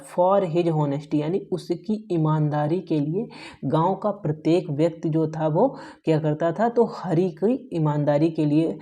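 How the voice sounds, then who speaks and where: A man teaching English in a soft, mellow voice. He reads each phrase of a story slowly, then translates it and quizzes the listener with quick questions. He keeps adding a patient "ठीक है" to check in. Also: a little high. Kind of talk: teaching English by explaining a story line by line in Hindi.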